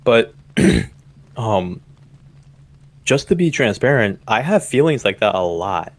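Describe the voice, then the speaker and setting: A young man co-hosting a podcast, telling a story in casual chat, with lots of "like" and animated quotes of others. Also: lowish voice, slow. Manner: rambling, heavy use of "like", animated quoting. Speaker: podcast co-host.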